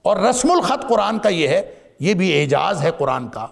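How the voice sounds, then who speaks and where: A man with a gravelly, slightly high voice teaches a Quran commentary lesson to a seated audience. He recites each verse and then explains it. He builds to raised emphasis, then drops to a near-hush. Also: big pitch swings.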